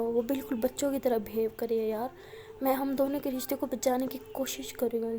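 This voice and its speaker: A high-pitched woman with an Indian Hindi-Urdu accent tells a love story in a relaxed, chatty way. Her voice is soft and mellow rather than bright, and she relays each character's lines through a steady flow of fillers. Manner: chatty, retells dialogue in indirect speech with fillers. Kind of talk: casual spoken retelling of a love story.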